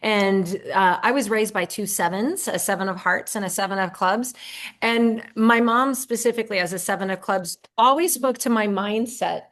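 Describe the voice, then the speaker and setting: Speaking at normal speed with a medium, fairly bright voice, this middle-aged woman appears as a guest on a casual podcast and hosts one of her own. She is earnest, leans on affirmations, and frequently starts her sentences over.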